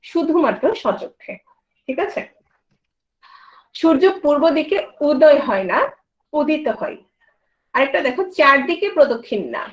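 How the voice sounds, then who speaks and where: A woman teaching a grammar lesson, quizzing her students with quick questions and then answering them herself. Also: sits high, poor audio. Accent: Bangladeshi Bengali.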